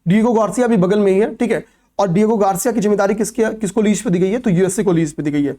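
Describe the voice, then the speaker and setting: A man's voice: sits high, quick pace, dark tone. A young man lectures an exam-prep class in a conversational teaching voice. He circles back over each fact, asks questions and answers them himself, and keeps tossing in "okay, pay attention" to his students. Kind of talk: classroom lecture on current affairs.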